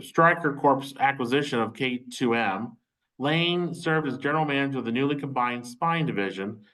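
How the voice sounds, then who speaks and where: Male webinar host over a video call, reading an introduction, measured, mid pitch. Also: a bit bright, low-quality recording. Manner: measured, reads from notes with small slips.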